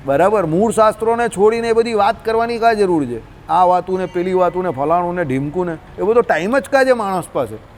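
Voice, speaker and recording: A man's voice: high-pitched, animated, brisk, a little hiss or hum. A man, teaching scripture in a scolding, colloquial way, full of rhetorical questions. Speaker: religious teacher. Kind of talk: scriptural discourse.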